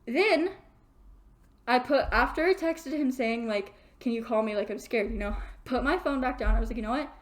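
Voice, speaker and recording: A young woman vlogging in her bedroom, telling a story in a rambling, animated way with lots of filler words. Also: fairly high pitch, normal speed. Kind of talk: casual storytelling to camera.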